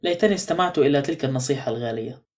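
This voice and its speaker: A man's voice: medium pitch, rapid-fire, darkish tone, close to an everyday voice. A man reading the lines of a frail, lonely, remorseful elderly woman in an audiobook, his speech trembling and pleading. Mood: regretful.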